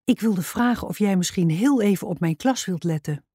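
A woman's voice: mid-range voice, lively intonation, normal speed, warm tone, husky, no room sound, studio quality. A woman voicing a hesitant, polite female teacher in a children's storybook. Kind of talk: reading a children's book aloud.

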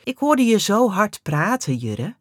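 A woman voicing a kind, gentle mother in a children's story with a soft, kindly voice. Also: mid-range voice, sing-song, unhurried, no echo, studio quality, voice pushed up.

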